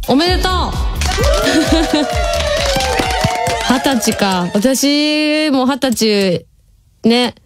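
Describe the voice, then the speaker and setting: A woman in her twenties from Hyogo with a Kansai accent, chatting casually on her radio show and reading listener messages, laughing often. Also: high-pitched. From Nishinomiya, Hyogo, Japan. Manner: chatty, laughs often, drawls some words. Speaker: radio host. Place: radio studio.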